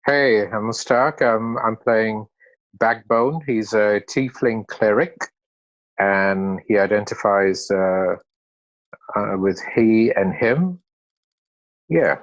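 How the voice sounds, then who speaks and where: A man speaks slowly and hesitantly, keeping it short, as a player in a tabletop game. His video-call audio sounds dry and a little muffled. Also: lowish voice, dry recording. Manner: hesitant, brief. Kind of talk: casual chat at a tabletop game.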